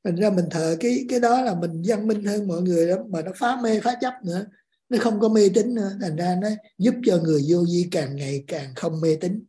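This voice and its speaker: A woman calmly explaining spiritual practice. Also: fairly low pitch, a little fast. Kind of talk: religious discussion.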